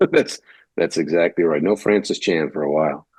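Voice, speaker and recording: A man's voice: sits low, moderate pace, a little mellow, breathy edge, no echo. A male pastor from Detroit, Michigan, telling his story in a casual, rambling interview and acting out the lines of other people. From United States (Detroit, Michigan). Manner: conversational, rambling, acts out quoted dialogue.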